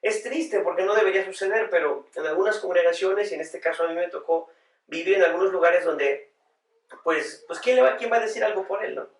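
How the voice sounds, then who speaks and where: A pastor tells his story as a podcast guest, earnest and reflective, with a somewhat high voice for a man. His voice carries a roomy echo and sounds set back from the microphone. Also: fairly quick. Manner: reflective, earnest, with frequent "este" fillers. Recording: roomy sound, voice far from the mic.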